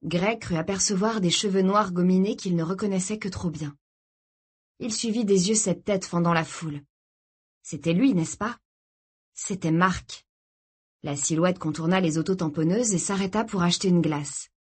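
A woman reading a novel aloud in an even, measured storytelling voice. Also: fairly low pitch, slightly rough. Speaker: audiobook narrator. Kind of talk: scripted narration.

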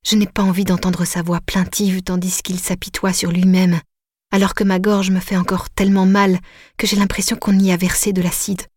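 A woman narrating a novel in the first person, quiet and intimate, sometimes dropping to a whisper. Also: mid-range voice, flat delivery, normal speed, dry recording, clean studio sound. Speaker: audiobook narrator.

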